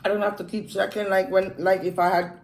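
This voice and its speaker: With a mid-range, level, darkish voice in a reverberant space, the mukbang vlogger talks at a slow, chatty pace while eating, pausing for bites. She is Jamaican-born and Montreal-raised, and her accent mixes Jamaican and Quebec French.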